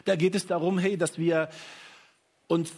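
A man's voice: a little high, flat delivery, measured pace, darkish tone, slightly rough. A man preaching a sermon to a congregation, stressing the verses he quotes, with many restarts and asking the room "right?". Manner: addresses congregation with "hey", "oder?", "ja?".

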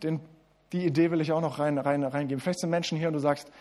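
A man preaching a sermon in German. He speaks straight to the listeners, stumbles and restarts often, and switches between quick asides and slow, stressed lines. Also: a little high, fairly even intonation, darkish tone. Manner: addresses listeners directly as du, with many restarts and fillers.

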